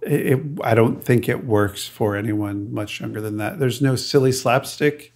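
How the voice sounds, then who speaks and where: Gravelly man co-hosting a podcast. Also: medium pitch, moderate pace, darkish tone. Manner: chatty, hesitant, with restarts and laughs. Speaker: podcast co-host. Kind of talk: casual chat.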